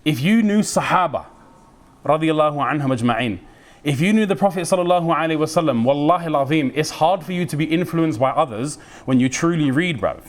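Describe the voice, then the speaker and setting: A British man from the United Kingdom gives a religious talk as a preacher, in a lively, slangy way, acting out the voices he quotes. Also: fairly high pitch, brisk. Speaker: Islamic preacher.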